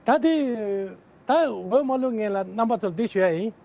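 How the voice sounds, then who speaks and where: Brief: male candidate, high-pitched, earnest and explanatory, dull lo-fi sound. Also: animated, unhurried, vocal fry, a little mellow. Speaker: political candidate interviewed as guest. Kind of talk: answering interview questions at length.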